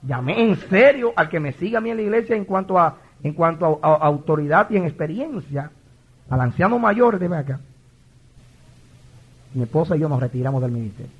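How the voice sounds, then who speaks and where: A man's voice: a little high, animated, brisk, husky, muffled recording. A man in his forties preaching an impassioned, emotional sermon, often stumbling and repeating words as he testifies. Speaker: pastor.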